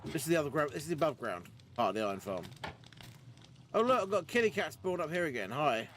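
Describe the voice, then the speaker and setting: A man's voice: a little high, big pitch swings, quick pace, a bit bright. A man rambling casually over his gameplay, talking to himself and his teammates. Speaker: gaming streamer.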